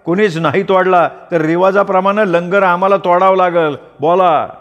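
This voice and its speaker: A man voicing a male folk devotee who calls out loud, sing-song ritual cries. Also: high voice, steady tone, moderate pace, muffled recording, voice pushed up, close to an everyday voice. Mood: challenging. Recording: long hall reverb.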